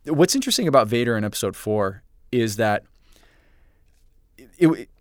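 A man's voice: mid-range voice, animated, moderate pace, no echo, clean studio sound. A man co-hosting a podcast in casual chat, talking in enthusiastic, rambling stretches that often stop and restart. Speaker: podcast co-host.

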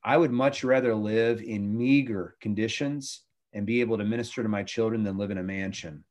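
A man's voice: on the low side, a little fast, darkish tone. A middle-aged man, a former youth pastor, talking about faith and family in an earnest, preachy way with many restarts.

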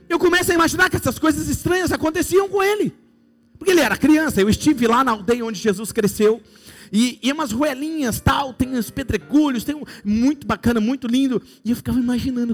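A Brazilian preacher with a very high voice delivers a sermon in a playful storytelling way. He acts out imagined scenes for his listeners with a Brazilian Portuguese accent. Faint music sits behind his voice. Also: a little fast.

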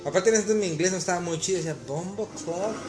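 A man's voice: sits high, racing. A Mexican man who is a cook co-hosting a casual podcast, telling slangy anecdotes and imitating the people he quotes. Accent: Mexican Spanish. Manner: anecdotal, slangy, mimics other voices. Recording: echoey room with music underneath.

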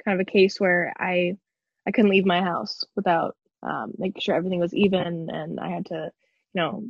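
Young woman guest, husky and gravelly, hesitant delivery, heard through a dull, low-quality video-call line. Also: steady tone, no echo. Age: young adult. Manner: hesitant, frequent filler pauses. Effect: low-quality video-call audio. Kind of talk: casual interview conversation.

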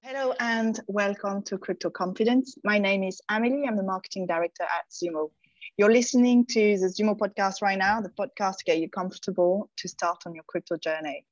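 A woman's voice: medium pitch, a little fast, no room sound. Bubbly woman host on dull, dry audio. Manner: bubbly, chatty, laughs easily. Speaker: podcast host. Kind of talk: podcast hosting.

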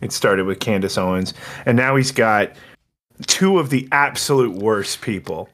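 A man's voice: lowish voice, lively intonation, unhurried, a bit bright. A man talking as a podcast guest in casual chat, blunt and opinionated, swearing freely.

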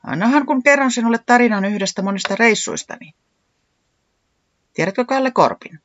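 A storyteller voicing a calm, well-travelled creature who manages the band and soothes its friends. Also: medium pitch, highs cut off, a little hiss or hum, pitched above the performer's own voice. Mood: soothing.

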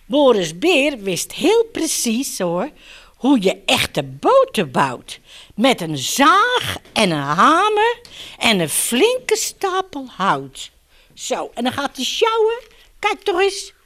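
A woman reads a picture book aloud to young children and keeps turning to them with questions. Her voice is a touch high and swoops all over the place. She talks at an unhurried pace. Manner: animated, addresses children directly. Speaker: children's story reader.

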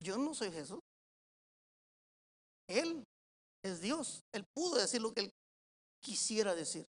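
A man preaching as a pastor, animated, asking the congregation questions and swinging from soft to loud. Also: sits high, slow pace. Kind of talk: sermon with practical advice.

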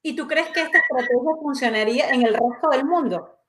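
A woman's voice: high voice, brisk, a loud crowd. A woman with a Venezuelan accent interviewing a guest, who hesitates and restarts her sentences often. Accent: Venezuelan Spanish. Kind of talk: conversational interview.

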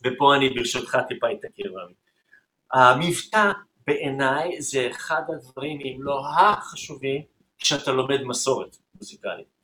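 A man and music teacher explaining rhythm in an interview, patiently counting beats out loud and voicing drum patterns. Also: mid-range voice, echoey room, a little hiss or hum.

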